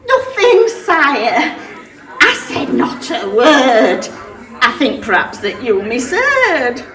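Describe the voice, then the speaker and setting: A woman's voice: high voice, very animated, takes it slowly, bright, forceful tone, heavily acted. A woman playing a boastful but nervous miller in a rhyming pantomime, with exaggerated theatrical delivery. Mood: nervous, meek. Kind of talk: rhyming amateur pantomime acting. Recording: echoey room, distant microphone.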